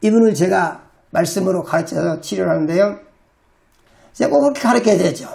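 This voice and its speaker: A pastor giving an emphatic healing sermon, acting out quoted commands with shouts. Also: mid-range voice, brisk, creaky.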